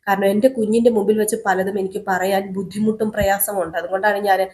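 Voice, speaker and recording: A woman's voice: mid-range voice, flat delivery, quick pace, lightly acted. A woman voicing a young mother who is bitter, scornful and fiercely protective of her daughter, in a serial recap. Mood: defiant. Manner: sharp, scornful.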